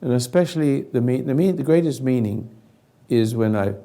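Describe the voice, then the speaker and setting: An older man hosting a group counselling talk, with a hoarse, raspy voice that sounds like gargling, speaking earnestly in halting, emphatic phrases. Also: mid-range voice, expressive, mellow. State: hoarse, throat-clearing. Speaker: host leading a group conversation.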